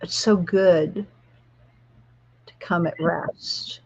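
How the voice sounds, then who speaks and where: Soft, slow woman guiding a relaxation meditation. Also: lowish voice, steady tone, vocal fry, slightly rough, highs cut off. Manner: soft, soothing, slow-paced spa-like delivery. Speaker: spiritual guide and host.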